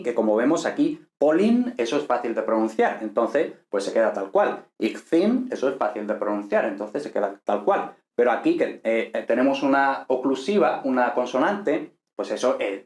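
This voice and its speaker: A man teaching a grammar lesson patiently, thinking aloud and checking in with listeners as he goes. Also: medium pitch. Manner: patient, thinks aloud with fillers and tag questions. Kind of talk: explaining Greek grammar. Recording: echoey room.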